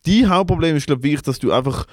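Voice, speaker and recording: A man's voice: quick pace, dry recording, clean studio sound. A young man with a Swiss German accent co-hosting a podcast, teasing his partner and laughing often as he jokes. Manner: teasing, laughs often, jumps in high when joking. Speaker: podcast co-host. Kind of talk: casual banter. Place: small studio room.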